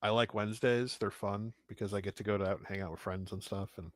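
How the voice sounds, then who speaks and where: A man joining a casual sports livestream as a guest, rambling and laughing, often trailing off quietly. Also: on the low side, fairly even intonation, fast talker, no echo. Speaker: guest panelist.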